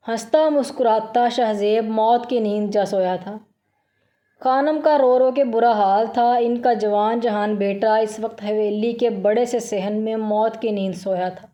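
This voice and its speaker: Mellow-voiced woman narrating a novel. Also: on the high side.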